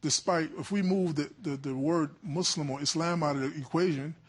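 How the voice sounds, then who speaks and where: High-pitched husky man pleading his side. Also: brisk. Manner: earnest, self-justifying, repeats himself. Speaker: litigant husband in TV court. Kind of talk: unscripted explanation to a judge. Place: TV courtroom studio.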